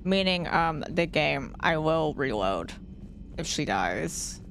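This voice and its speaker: A woman's voice: low voice, sing-song, slow, slight background noise. A young woman streamer giving casual, anxious reaction commentary on a game she is playing for the first time, often repeating herself and giggling. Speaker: gaming streamer.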